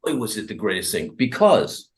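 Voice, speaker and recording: A man with a lowish voice speaks in an interview about his therapy work. He talks with animated energy and acts out both sides of his conversations with clients. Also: moderate pace. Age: 30s. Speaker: therapist and author.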